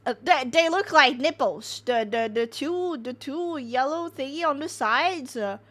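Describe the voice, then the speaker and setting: A woman's voice: high voice, lively intonation, a little slow, a bit bright. A woman streamer chatting casually in a cute anime-streamer manner as she reacts to a video. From Italy.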